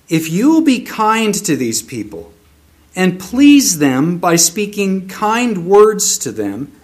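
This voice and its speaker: Male preacher, sermon, scripture reading, slow measured delivery, lively intonation. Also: high-pitched.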